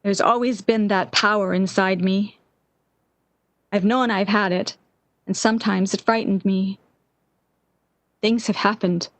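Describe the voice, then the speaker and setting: Here the same 1940s-style radio drama role, a distraught woman obsessed with love, comes across grim and haunted through an intense, halting, theatrical performance. Her voice is mid-range and only lightly acted, on a dry recording.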